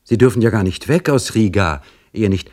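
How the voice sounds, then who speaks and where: A man's voice: lowish voice, animated, moderate pace, a little mellow, pitched above the performer's own voice. A man reading a story, voicing a young woman cook who scolds sharply. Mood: reproachful.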